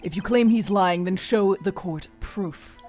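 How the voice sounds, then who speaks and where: A woman's voice: medium pitch, unhurried, a little mellow, close to an everyday voice. A woman voicing a formal, haughty male prosecutor from a courtroom video game. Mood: smug. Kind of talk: amateur video game voice-over. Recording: music behind.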